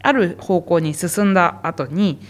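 A woman's voice: fairly low pitch, measured pace. A woman who works as a zoo animal specialist, explaining animal behavior patiently and in detail for a podcast interview.

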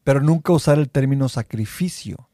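Jokey Mexican podcast co-host. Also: male voice, mid-range voice, a little fast, no echo, clean studio sound. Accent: Mexican Spanish. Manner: relaxed, jokey, keeps interjecting short agreements. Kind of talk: casual podcast chat.

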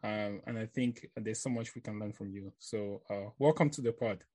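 A man's voice: on the low side, moderate pace, warm tone, breathy edge. A man hosting a podcast interview, introducing and questioning his guest with many ums and uhs. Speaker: podcast host.

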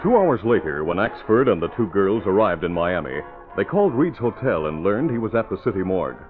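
A man's voice: deep voice, big pitch swings, brisk, music in the background. A man giving scripted narration for an old-time radio drama. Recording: old radio broadcast, thin narrow band.

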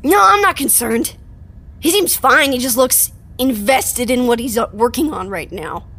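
Woman as dismissive technician, audio drama, high voice, lively pitch. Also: unhurried, exaggerated voice. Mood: offhand. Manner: offhand, dismissive.

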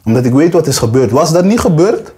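A young man, a rapper appearing as an interview guest, speaks fast in a fairly high, husky voice. He uses casual street slang and gets animated, acting out quotes by raising his voice.

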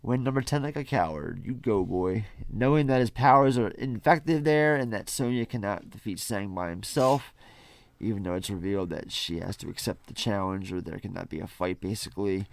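A man's voice: lowish voice, brisk, vocal fry, no room sound. A man hosting a casual movie recap from his notes, blunt, sarcastic and freely swearing. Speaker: podcast host who leads the recap.

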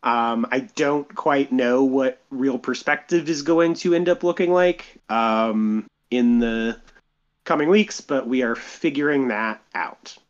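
Man talking slowly through a lo-fi phone recording. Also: mid-range voice. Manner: halting, careful, self-deprecating. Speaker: podcast co-host. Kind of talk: casual chat.

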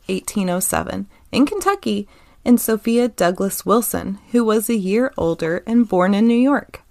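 A woman's voice: a little high, dry recording, studio quality. A woman co-hosting a podcast, casually chatting and reading an old news story aloud with informal asides. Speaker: podcast co-host.

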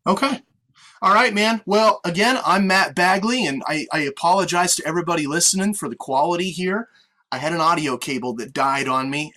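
A man's voice: fairly high pitch, bright, forceful tone. An American man hosting a casual sports podcast, chatting conversationally over an online call. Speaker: podcast host with on-air experience. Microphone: online video meeting call.

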